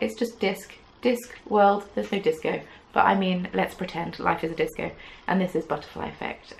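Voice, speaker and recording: A woman with a gravel-edged, lowish, slightly mellow voice chats casually to camera about yarn as a knitting podcast host. She's chatty and rambling, with many "um"s and playful asides, filmed in a small indoor craft room with yarn shelves by a camera at desk distance, on a rough recording with a little hiss or hum.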